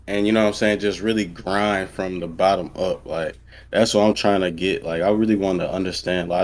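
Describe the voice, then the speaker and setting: A man calling into a live stream over a voice call, talking haltingly and filling his speech with "you know what I'm saying.". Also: sits low. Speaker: caller.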